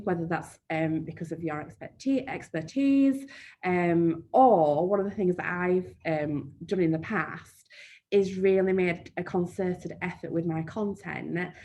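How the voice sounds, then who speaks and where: Hosting a live marketing webinar, a trainer from Yorkshire, England, talks in a broad accent and a low-pitched, darkish voice, answering questions in a chatty, down-to-earth way full of "um" fillers. A little hiss or hum can be heard.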